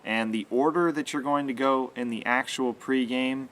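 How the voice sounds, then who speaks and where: A young sports announcing instructor stands in a tree-lined yard and gives the camera an earnest lesson, stressing the important words. He speaks at a normal pace in a steady, slightly bright, medium-pitched voice. The recording is rough, with clear outdoor noise behind him.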